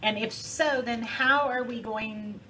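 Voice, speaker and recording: A woman's voice: a little high, slow pace, bright, forceful tone. A woman on a committee asking rambling, careful questions at a public meeting. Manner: rambling, thinks aloud while asking. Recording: distant mic, faint noise.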